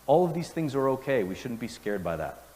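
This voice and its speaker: A man giving a conference keynote as a company executive, with a polished, confident corporate pitch and emphatic delivery. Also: very animated, a little fast, warm tone. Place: large indoor conference room. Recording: echoey conference hall, long reverb.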